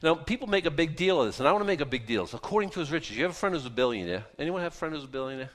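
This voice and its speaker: A man's voice: fairly high pitch, expressive, very fast. A man in his fifties preaching a conversational Bible-teaching sermon, folksy in manner, with joking asides and rhetorical questions that he answers himself. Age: 50s. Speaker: pastor preaching to a congregation.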